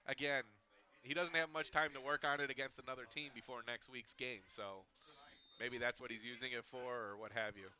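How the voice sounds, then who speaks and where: A man giving color commentary on a high school football game, chatty and analytical, with easy laughs. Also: steady tone, fairly quick, pushed and bright.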